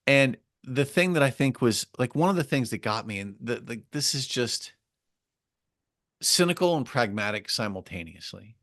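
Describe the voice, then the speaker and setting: A man's voice: medium pitch, animated, normal speed, a bit bright, no room sound, clean studio sound. A man co-hosting a podcast in a casual academic discussion, talking emphatically with wry, sarcastic asides and repeated key phrases. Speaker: podcast co-host.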